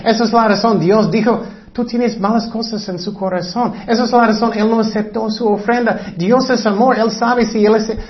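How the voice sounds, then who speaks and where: A man preaching a sermon as pastor, emphatic and repetitive, sometimes acting out short voices. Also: high-pitched. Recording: dull lo-fi recording.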